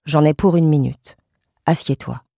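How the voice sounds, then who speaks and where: A woman's voice: deep voice, unhurried, gravelly, mellow, slightly rough, no room sound, clean studio sound, full character voice. A woman reading an audiobook and voicing a tired, terse middle-aged male police officer who barely speaks. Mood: curt. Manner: terse and withdrawn.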